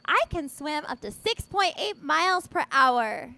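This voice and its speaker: A woman playing a playful young otter, high squeaky voice, slow giggly talk, bright tone. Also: creaky, dry recording, heavily acted. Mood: cheerful. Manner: giggly, excited, slow-spoken. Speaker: puppet otter character.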